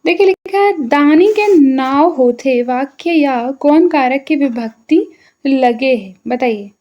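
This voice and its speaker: Woman teaching exam prep, high voice, keeps repeating stuff and saying okay, kinda muffled recording. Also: lively intonation. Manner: explains slowly, repeats terms and says "okay" often. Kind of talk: exam-prep language lesson. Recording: dull lo-fi audio.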